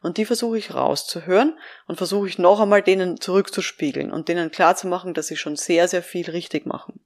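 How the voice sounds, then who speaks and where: Middle-aged woman trainer, lowish pitch, calm and advisory, explains in clear steps. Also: fairly quick. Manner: calm, advisory, acts out example phrases. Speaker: prevention trainer. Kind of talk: instructive podcast talk.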